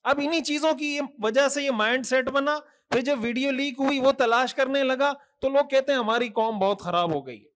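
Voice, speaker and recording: High-pitched earnest preacher man. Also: few pauses, a bit bright. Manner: rhetorical questions, listing repetitions, earnest admonishing. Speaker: mufti preacher. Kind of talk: Thursday night sermon.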